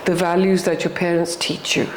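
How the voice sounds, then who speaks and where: An older woman with a British accent, talking reflectively about her own life in an earnest, halting way, repeating words for emphasis. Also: fairly low pitch, flat delivery. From England. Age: older, around 60. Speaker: interviewee. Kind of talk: reflective personal conversation. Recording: echoey room with faint background noise.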